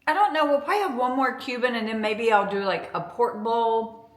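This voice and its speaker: A woman's voice: on the high side, brisk. Chatty woman cooking in an echoey kitchen. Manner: chatty, thinks aloud while cooking. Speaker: food vlogger. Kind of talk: casual cooking vlog chat. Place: home kitchen. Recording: echoey kitchen with sizzling food.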